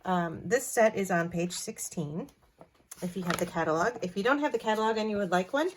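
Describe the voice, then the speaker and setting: A woman's voice: mid-range voice, fairly quick, background noise. A woman hosting a card-making tutorial, talking in a chatty, friendly way with fillers and self-corrections. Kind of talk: casual craft tutorial.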